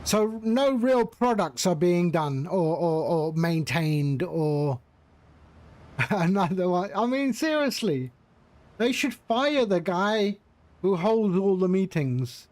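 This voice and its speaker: A man's voice: high-pitched, big pitch swings, takes it slowly, a little mellow, no echo. A man streaming a flight simulator, chatting casually with his viewers, joking and laughing often. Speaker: flight sim livestreamer.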